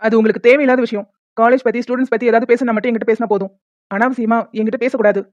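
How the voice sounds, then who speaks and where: A woman's voice: a little high, steady tone, very fast, a little mellow, dry recording, close to an everyday voice. A woman voicing a cartoon husband who is pleading and emotional with his wife, then curt and strict as a college head. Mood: stern, curt. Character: lovestruck young husband, later a stern college head. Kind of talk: cartoon voice dubbing. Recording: thin phone-like dry sound.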